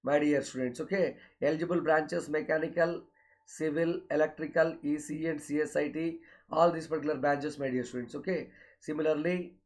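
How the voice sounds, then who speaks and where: Brisk and fairly even in intonation, this slightly high-voiced man with a South Indian accent teaches online coaching classes. He announces courses and schedules, repeating himself and often talking straight to his students with filler "okays."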